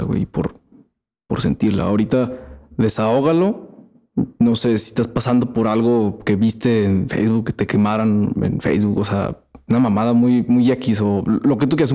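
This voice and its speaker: A man's voice: medium pitch, mellow. A man with a Mexican accent hosting a casual monologue, rambling in crude slang and often trailing off and restarting. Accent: Mexican Spanish. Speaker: podcast host.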